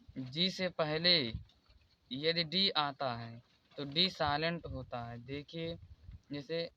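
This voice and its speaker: Guy teaching spelling rules real slow, bright clear voice, says examples over n over, kinda dull lo-fi sound. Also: on the high side. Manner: slow and repetitive, pointing at examples. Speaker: English teacher. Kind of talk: explaining spelling rules in Hindi.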